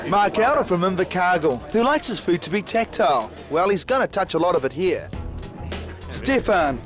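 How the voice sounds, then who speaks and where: A man's voice: high-pitched, lively intonation, moderate pace, faint music behind. A man with a New Zealand accent, a head chef and host delivering scripted television narration.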